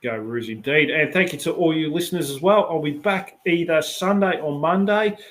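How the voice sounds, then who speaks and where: A man's voice: a little high, normal speed, a bit bright. A man with an Australian accent hosting a casual football podcast, rambling through names with many fillers and restarts. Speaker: podcast host. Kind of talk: casual footy chat.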